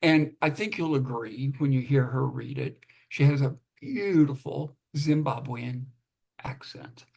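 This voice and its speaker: A man presenting poetry at an open mic, reading and introducing it informally with a halting delivery. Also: medium pitch, creaky, a little mellow, husky.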